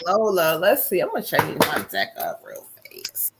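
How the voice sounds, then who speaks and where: A woman's voice: lowish voice, huge pitch swings, normal speed, very noisy. A woman co-hosting a live tarot reading stream, chatting casually, slangy and laughing, with the odd swear. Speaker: tarot reader and co-host.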